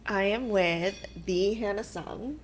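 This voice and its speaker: A woman's voice: medium pitch, slow, a crowd in the background. A woman guest in a casual chat in a restaurant, telling stories in a chatty way. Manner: chatty storyteller.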